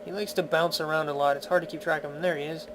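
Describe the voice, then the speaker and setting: A man's voice: fairly high pitch, fairly even intonation, fast talker, noisy background. A man giving casual let's-play commentary in a chatty, playful, wry way. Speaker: video game commentator. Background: game music.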